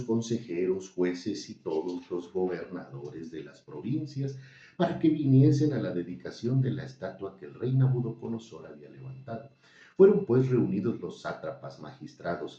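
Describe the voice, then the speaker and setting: Man, low voice, very dark tone, solemn scripture reading, distant roomy lo-fi sound. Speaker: scripture reader. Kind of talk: steady Bible reading. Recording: dull, roomy, distant recording.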